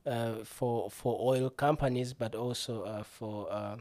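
Halting Ugandan-born man, mid pitch. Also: fairly even intonation, darkish tone. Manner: halting, with many repeated words. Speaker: guest researcher. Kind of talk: casual interview talk.

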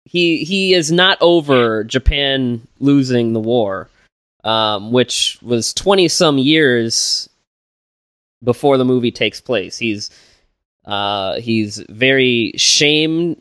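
Slow, rambling man on a podcast. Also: mid-range voice, fairly bright tone, clean tone, no room sound, studio quality. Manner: rambling, many fillers and restarts; jokey, laughs while retelling plots. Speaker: podcast co-host. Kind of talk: casual film podcast chat.

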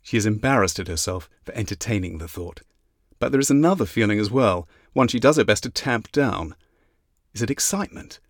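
A man narrating an audiobook in a measured, even reading. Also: lowish voice, no room sound, clean studio sound. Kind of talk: scripted narration.

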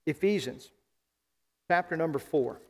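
A pastor from South Arkansas preaches to his congregation, his somewhat high voice rising into emphatic calls between calmer scripture reading. A long reverb trails every line through the church. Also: measured pace. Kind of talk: sermon.

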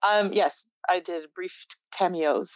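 This is a young woman born in Poland, chatting as an interview guest with a smooth, resonant, lowish voice. She is reflective and quick to laugh. The sound is dull and lo-fi. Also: dry recording. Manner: relaxed, reflective, laughs often. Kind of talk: casual interview chat.

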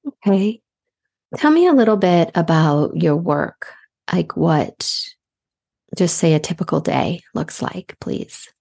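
A woman hosting a podcast, speaking softly and affectionately as she gives a guest an intuitive reading. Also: fairly low pitch, animated, creaky. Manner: slow, soft-spoken, affectionate. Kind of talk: gentle reflective podcast talk.

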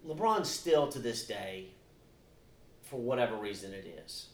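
A man's voice: lowish voice, measured pace. Blunt, swearing man in an echoey room. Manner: blunt, profane, animated, with laughs. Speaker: podcast co-host. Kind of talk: casual sports debate.

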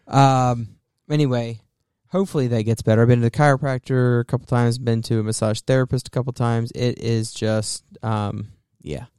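A man's voice: mid-range voice, fairly even intonation, normal speed, darkish tone, smooth, dry recording. Chatty joking man, dry close sound. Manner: chatty and joking, loose with fillers. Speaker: podcast host. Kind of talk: casual chat.

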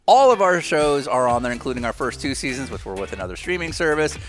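A man hosting a podcast in casual chat, wry and lively, doing sponsor plugs. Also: medium pitch, fast talker. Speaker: podcast host.

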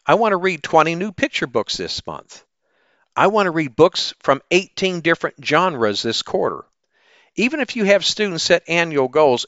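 A man speaking as a teacher and podcast host in an animated, upbeat, salesy presenting style, often posing questions to the listener. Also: fairly high pitch, dry recording, highs cut off. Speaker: teacher hosting an education podcast. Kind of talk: upbeat promotional ad pitch.

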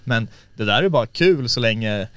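A man's voice: mid-range voice, animated, a bit bright, clear, resonant tone, no room sound. A man in casual podcast chat about fights, talking loosely and mixing English phrases into his speech.

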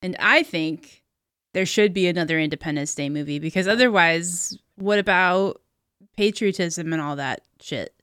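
A woman's voice: on the low side, moderate pace, fairly bright tone, smooth, no room sound, studio quality. A woman co-hosting a comedy podcast, joking giddily in an improvised sketch. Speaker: podcast co-host.

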